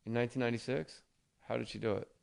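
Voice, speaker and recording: A man's voice: medium pitch, fairly even intonation, creaky, darkish tone. A man in his forties from New Jersey, hosting a podcast in casual, profane chat and slipping into impressions. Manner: profane, quick to slip into impressions. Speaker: podcast host and comedian.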